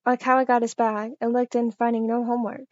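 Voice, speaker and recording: A woman's voice: a little high, little pitch movement, a little fast, no echo. A woman reading a scripted story aloud as narrator. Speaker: fan fiction reader. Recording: slightly dull lo-fi audio under music.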